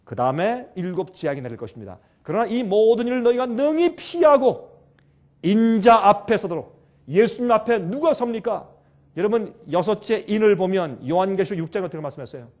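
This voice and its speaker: A man preaching a sermon with emphasis, swinging between loud calls and quiet asides and putting questions to his listeners. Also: high-pitched, sing-song, a little fast.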